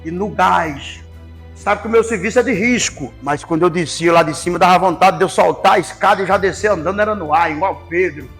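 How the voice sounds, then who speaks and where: High-voiced preacher in his fifties. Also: a little fast, breathy edge, faint music behind. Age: 50s. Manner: folksy and impassioned, swings from loud to hushed. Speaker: preacher giving testimony. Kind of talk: sermon testimony.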